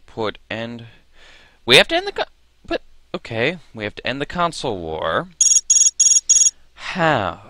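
A man's voice: mid-range voice, wildly swooping pitch, a little slow, long pauses, pushed and bright, a little hiss or hum, poor audio. A young man giving casual gameplay commentary into a close microphone, bewildered, repeating and questioning what he hears. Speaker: let's play commentator. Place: small room indoors. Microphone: desk microphone close by.

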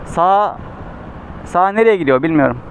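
A man's voice: sits high, lively intonation, moderate pace, vocal fry. A man chatting casually from inside a helmet while riding a motorcycle, often asking short checking questions. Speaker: motorcycle vlogger. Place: outdoors, riding a motorcycle on city roads. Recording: noisy outdoor ride, engine and traffic.

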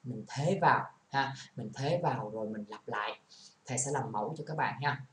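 A man's voice: mid-range voice, normal speed. Vietnamese-accented guy teaching english, patient, explains step by step, echoey room, bit of hiss. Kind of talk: classroom lesson. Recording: echoey room, faint background noise.

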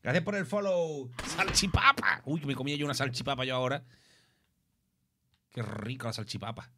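A young man from Spain with a Spanish accent, commenting live on his gameplay, excitable, with loud outbursts and cursing. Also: mid-range voice, brisk. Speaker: streamer. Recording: steady background noise.

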